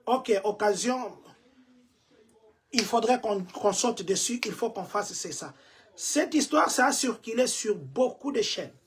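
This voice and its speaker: Speaking in a high, animated and slightly rough voice, a bit slowly, this man from Congo delivers preachy vlog commentary to the diaspora from Chicago. He has a Congolese French accent and keeps circling back with rhetorical questions.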